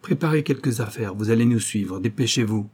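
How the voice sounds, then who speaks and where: A man's voice: fairly low pitch, fairly quick, a little mellow, slightly rough. A man doing a brusque Parisian policeman. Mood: curt. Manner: curt, commanding. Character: brusque male policeman making an arrest.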